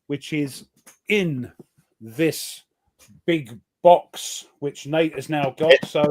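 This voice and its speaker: British male host, jokey history chat, voice on the higher side. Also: extremely slow, crowd noise. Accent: British English. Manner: chatty, jokey, reads history facts aloud. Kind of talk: casual chat.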